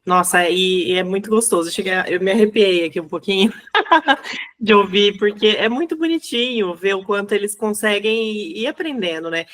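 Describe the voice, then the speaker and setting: A woman hosting an interview on parenting and schools, affirming her guest and asking gentle questions. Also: mid-range voice. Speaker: host, parenting educator. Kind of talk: casual interview talk.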